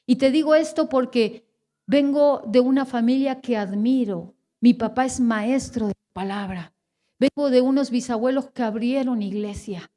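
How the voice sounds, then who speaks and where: A woman in her forties, a pastor with a Spanish accent, preaching a sermon and telling a personal testimony in an animated storytelling way, swinging between hushed and emphatic. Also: on the high side. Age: 40s.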